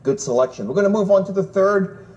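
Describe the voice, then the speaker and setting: A man's voice: sits high, lively intonation, fast, a little mellow, dull audio. A man hosting a TV tasting show, easygoing and jokey as he leads the chat. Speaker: TV show host. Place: TV studio.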